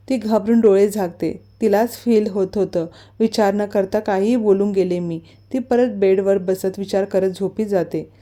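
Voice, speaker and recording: A woman's voice: mid-range voice, warm tone. A woman reading a romance story aloud, lifting her voice a little for the characters' lines.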